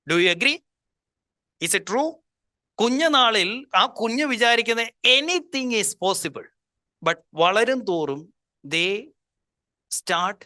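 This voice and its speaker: Motivational speaker, male, higher register, dry close sound; punchy delivery with rhetorical questions and English phrases mixed in. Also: bright, forceful tone, no echo. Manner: emphatic, asks the listeners rhetorical questions; mixes English phrases into his speech. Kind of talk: motivational talk.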